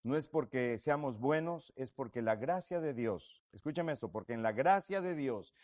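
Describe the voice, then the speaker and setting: A man preaching a sermon, swinging between loud fervent passages and low quiet emphasis, often asking the listeners questions directly. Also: lively intonation, moderate pace. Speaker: pastor.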